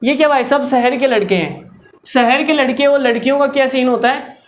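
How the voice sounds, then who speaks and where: A man's voice: very high-pitched, fairly quick. A man teaching a maths video lesson, chatty and playful, breaking into jokes between the working steps. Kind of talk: video lesson with comic asides.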